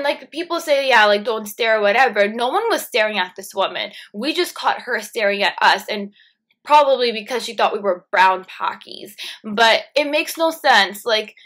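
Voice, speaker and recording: Sharp-voiced indignant young woman. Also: on the high side. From Canada. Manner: indignant, rapid rant full of "like" fillers. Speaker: vlogger. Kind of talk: casual talking to camera.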